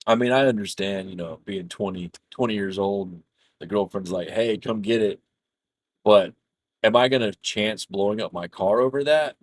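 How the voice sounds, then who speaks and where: A man streaming a game tells a profane, rambling story in a casual way, laughing through the anecdote. His voice is low-pitched, and there is no room sound.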